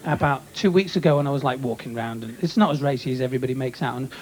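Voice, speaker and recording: A man's voice: mid-range voice, rapid-fire, background noise. A young man telling a rambling, chatty stand-up story. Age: young adult. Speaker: stand-up comedian. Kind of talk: stand-up routine. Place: comedy club stage.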